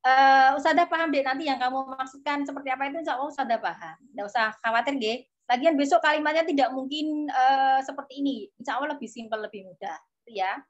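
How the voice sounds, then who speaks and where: A woman teacher with a Javanese accent, patiently coaxing students through an exam-prep class and tagging her sentences with a soft "nggih". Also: high-pitched, fast talker, muffled recording.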